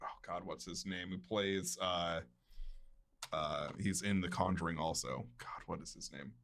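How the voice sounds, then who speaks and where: Low-voiced man chatting with hesitant ums. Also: fairly even intonation, a little slow, vocal fry, a bit bright, slight background noise. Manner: hesitant, many ums and uhs. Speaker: podcast co-host. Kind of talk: casual chat.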